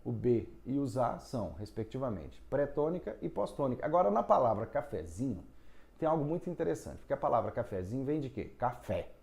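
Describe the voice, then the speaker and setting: A man's voice: mid-range voice, big pitch swings, a little fast, gravelly, a little mellow. A man teaching a recorded phonetics lesson, explaining step by step, asking and answering his own questions and drawing out syllables to show stress.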